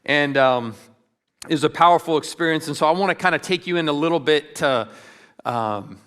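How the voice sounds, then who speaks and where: A man's voice: a little high, a little fast, a bit bright, clean tone. A middle-aged man giving an earnest church training talk, telling stories with frequent ums and restarts. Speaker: ministry speaker.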